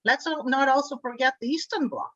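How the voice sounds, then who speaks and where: A middle-aged woman from Bulgaria answers interview questions in a bright, tense, fairly high voice. She talks fluently, often repeating small words as she restarts her sentences. The recording is dry and a little dull and lo-fi. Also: fairly quick, dry recording. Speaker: guest, energy grid board chair. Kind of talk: remote interview conversation.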